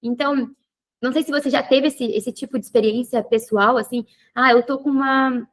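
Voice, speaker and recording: A woman's voice: high-pitched, steady tone, normal speed. A woman hosting an interview, talkative and thinking aloud with many fillers. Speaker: podcast host and physiotherapy teacher. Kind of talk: casual interview chat.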